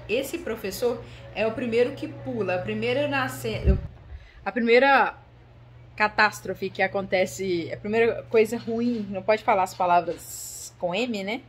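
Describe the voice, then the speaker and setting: A woman casually talking her viewers through a horror film, chatty and direct, often checking in with them. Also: a little high. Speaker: YouTuber reviewing a horror film. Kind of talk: casual film commentary vlog.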